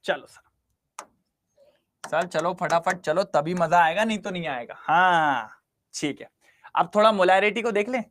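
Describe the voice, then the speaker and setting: Man, chemistry teacher, high voice, coaxing, quizzes students online. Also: measured pace, long pauses, fairly bright tone. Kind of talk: online class lecture.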